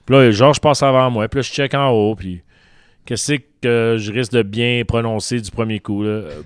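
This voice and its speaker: A man with a Québécois French accent spins a long, animated story among friends, slipping English words in as he goes. His voice is smooth and clear. The sound is dry and close, with little room tone. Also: mid-range voice, moderate pace, no echo. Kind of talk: casual storytelling chat.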